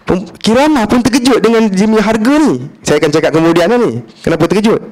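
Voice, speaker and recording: Malaysian male preacher, colloquial and playful, acts out the dialogue; voice sits a bit high. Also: fast talker. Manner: lively, humorous, acts out dialogue; colloquial, mixes in English words. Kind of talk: religious lecture storytelling.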